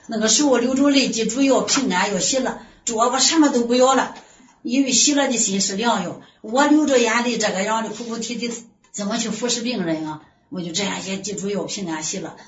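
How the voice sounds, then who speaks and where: A middle-aged woman giving an earnest personal faith testimony, full of sighing exclamations. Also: mid-range voice. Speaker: church member giving testimony. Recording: distant roomy lo-fi recording with faint hiss.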